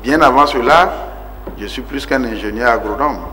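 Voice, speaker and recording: A man in his forties from Togo talks through his life story as a guest on a television interview. His voice is bright and forward, his delivery earnest and emphatic, broken by frequent filler sounds and pauses. A faint hiss sits behind him. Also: mid-range voice. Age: 40s. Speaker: guest politician.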